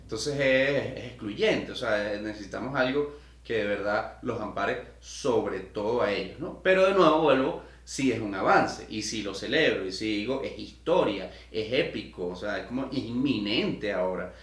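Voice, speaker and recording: A man's voice: lowish voice, lively intonation, normal speed, fairly bright tone, reverberant. A man from Venezuela hosting a podcast interview, talking in long, enthusiastic, rambling runs. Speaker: podcast host. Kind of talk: casual interview conversation.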